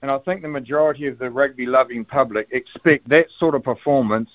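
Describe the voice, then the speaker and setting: A man's voice: mid-range voice, fairly quick, no room sound. A New Zealand man calling a radio talkback show, giving emphatic, opinionated sports views in a casual way and repeating himself for emphasis. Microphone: telephone. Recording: tinny phone line on radio.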